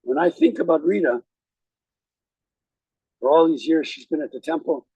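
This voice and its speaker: Husky, gravelly man giving a graveside eulogy. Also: on the high side, sing-song, dark tone, no echo, lo-fi sound. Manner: measured, reflective, with deliberate pauses. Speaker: rabbi officiating at a funeral.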